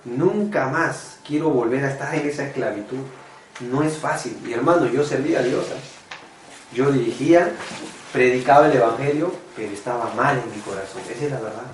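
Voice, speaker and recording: A man's voice: mid-range voice, moderate pace, roomy sound, distant mic, a little hiss or hum, low-quality recording. A man preaching a personal testimony sermon, earnest and confessional, often calling his listeners brothers. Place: church meeting room.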